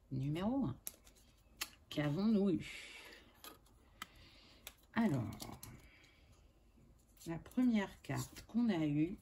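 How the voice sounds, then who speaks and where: A woman doing a spiritual tarot and oracle card reading for her channel, talking gently with many pauses and fillers. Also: lowish voice, vocal fry, slight background noise.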